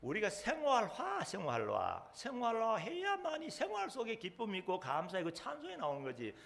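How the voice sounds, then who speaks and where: A pastor preaches a sermon in a fairly high voice with a gravelly edge. His pitch swings widely, and he keeps putting questions to the congregation. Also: huge pitch swings, normal speed, a bit bright.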